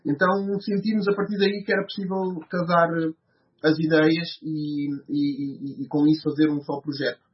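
A man's voice: on the high side, fairly even intonation, moderate pace. Hesitant Portuguese man, muffled recording. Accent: European Portuguese. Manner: hesitant, many fillers and restarts. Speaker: guest, podcast host. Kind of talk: interview answers.

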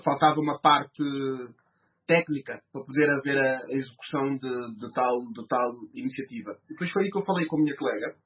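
A man in his thirties with a European Portuguese accent, a guest answering interview questions hesitantly, with many fillers and restarts. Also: medium pitch. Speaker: guest, podcast host. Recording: slightly muffled recording.

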